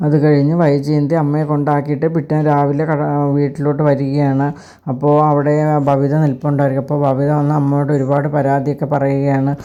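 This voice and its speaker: Narrator rushing through a tv serial recap, pretty monotone, darkish mellow tone, lots of little "aa" fillers. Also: mid-range voice, lo-fi sound. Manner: rapid, flat storytelling with filler "aa" sounds. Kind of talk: retelling a TV serial episode.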